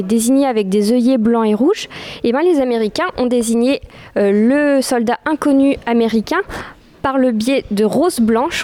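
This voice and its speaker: A woman's voice: on the high side, a little mellow. A woman giving an informal history lecture, often hesitating and restarting her sentences. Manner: hesitant, many restarts and fillers. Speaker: speaker giving a history talk.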